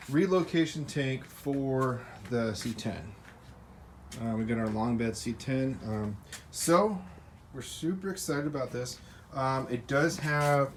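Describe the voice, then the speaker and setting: In his mid-range, slightly mellow voice, an American man who vlogs about car builds gives a casual, off-the-cuff, upbeat update full of slang. Faint vehicle and ambient noise can be heard in the recording.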